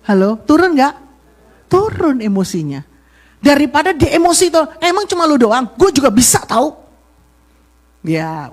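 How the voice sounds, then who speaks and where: A woman pastor delivers a lively sermon to her congregation. She drops into little acted-out voices for the people she quotes, then comes back to her own voice to ask for amens. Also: on the high side.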